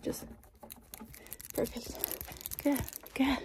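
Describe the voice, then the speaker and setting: A young woman doing fast, aggressive ASMR whispered role-play, mostly whispering with bursts of soft voice and repeating short words rapidly. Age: young adult. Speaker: ASMR performer. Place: small indoor room with acoustic foam panels. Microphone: held or very close microphone. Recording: close noisy mic with handling clicks.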